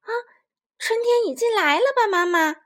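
A woman voicing an excited little girl bear cub in a storybook reading, calling out eagerly. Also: extremely high pitch, moderate pace, voice pushed up. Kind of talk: storybook voice acting.

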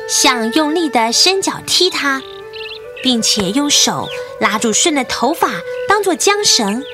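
A woman narrating a children's history story in an expressive, clear way. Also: high-pitched, unhurried, music in the background. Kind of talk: scripted storytelling.

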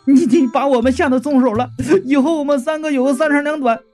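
A man voicing a teenage boy who yells accusingly in a storytelling audiobook. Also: very high-pitched, steady tone, soft background music, voice pushed up. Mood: angry. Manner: yelling, accusing, fast. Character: frightened teenage boy, shrill and angry.

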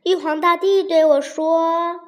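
A clever, timid young buck sika deer from a storybook, bluffing in a high, slow voice, as a woman reads him. He trembles as he talks, his teeth chattering. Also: steady tone.

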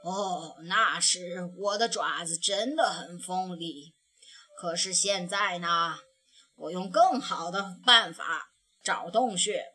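Wise old grandpa bear, woman putting it on, lower voice, slow and gentle, storybook. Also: slightly rough, exaggerated voice. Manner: gentle, unhurried, sighing "oh". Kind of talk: children's storybook reading.

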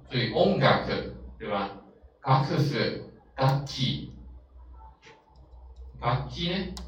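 A man's voice: medium pitch, far from the mic, a little hiss or hum. Man teaching in an echoey room. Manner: lively, drawn-out explanations with many fillers. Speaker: Japanese vocabulary teacher. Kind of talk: explaining a language lesson.

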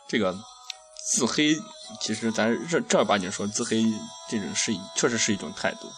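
A low-voiced man hosts a casual radio chat. He talks irreverently, with crude slang. Music plays softly behind him. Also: sing-song, measured pace. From Shaanxi, China. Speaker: radio show host. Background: background music.

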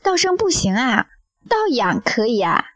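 Soft wondering young disciple, slow, slightly high, dry, as a woman narrator does him. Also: big pitch swings, dry recording, exaggerated voice. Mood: pondering. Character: skeptical pondering young male disciple.

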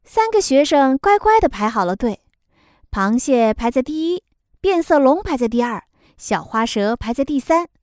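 Lively woman telling a children's story. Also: sits high, normal speed, no room sound, studio quality. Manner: lively, expressive reading.

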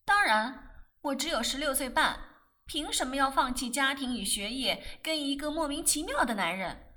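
A woman's voice: sits high, lively intonation, normal speed, sharp tone, far from the mic. A woman doing a curt, cold teenage girl. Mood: indignant. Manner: curt and indignant. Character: cold, impatient sixteen-year-old girl. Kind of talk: audiobook character voice.

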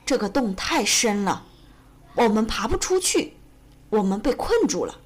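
A woman voicing a calm, steady young boy frog who talks in a reassuring way in a children's storybook. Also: medium pitch, unhurried.

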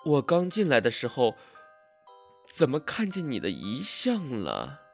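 A man playing a scared young man in a ghost story, stumbling over his words in a hushed, uneasy voice. His pitch moves a lot and his words come slowly, with faint music underneath. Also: huge pitch swings, creaky, husky, full character voice. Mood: anxious. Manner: halting, stammering, hushed. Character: timid, frightened young man, hesitant.

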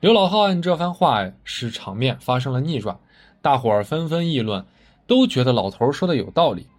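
A man reads a story aloud, narrating in an animated, expressive way. His voice sits at a middle pitch yet moves widely and lively through each sentence. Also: normal speed.

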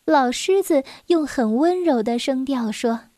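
High-voiced woman reading a bedtime story. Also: unhurried, no echo, clean studio sound. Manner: gentle, expressive read-aloud with asides. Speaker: children's storyteller. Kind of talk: scripted narration for children.

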